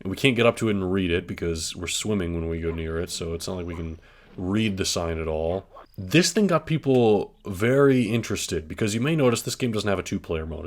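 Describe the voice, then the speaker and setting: Low-voiced man casually commentating a game. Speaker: let's play host. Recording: game music behind the voice. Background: video game music.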